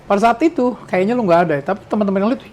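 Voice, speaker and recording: A man in his sixties from Indonesia hosts a casual podcast, reminiscing in a high, slightly mellow voice at a rapid-fire pace. He rambles and restarts his sentences, and a faint hiss sits behind him.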